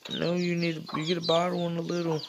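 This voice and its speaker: A man's voice: monotone, brisk, gravelly, noisy background. A teenage man filming a casual farm vlog on his phone, rambling as he shows off the barn, the animals and a trailer. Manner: rambling, talks to the animals in a high baby voice. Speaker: farm vlogger. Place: outdoors on a farm and in an open wooden barn. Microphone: phone camera held at arm's length.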